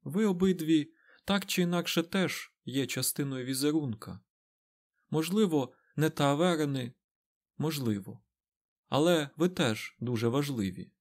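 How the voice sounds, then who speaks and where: Audiobook sorceress, quiet and commanding, slow and grave, read by a man lifting his pitch. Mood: solemn. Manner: measured, solemn, quiet. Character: commanding calm female sorceress.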